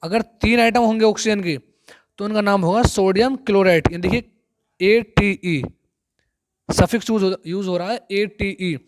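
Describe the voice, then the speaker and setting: Man, high-pitched, chemistry teacher, patient step-by-step lecture, repeats terms, calls viewers friends. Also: a little hiss or hum. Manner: explains step by step, repeats key terms, reads English lines slowly. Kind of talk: classroom lecture.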